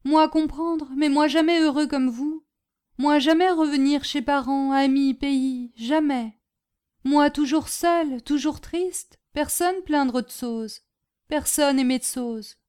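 A woman voicing a sad, lonely male servant who talks in halting broken French. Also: high-pitched, warm tone, pitched above the performer's own voice.

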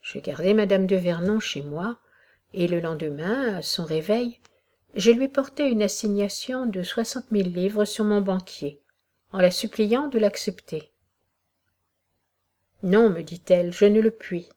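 A woman narrates a classic novel in the first person with a measured, expressive reading. Her voice is mellow and dark-toned, at a middle pitch for a woman. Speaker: audiobook narrator.

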